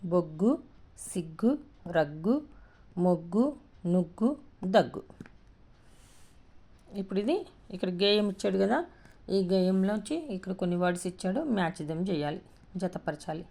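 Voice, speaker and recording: A woman teaching a lesson, reading words aloud slowly and stretching out each syllable as she explains. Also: mid-range voice, lively intonation, mellow. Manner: slow, drawn-out syllable-by-syllable word reading.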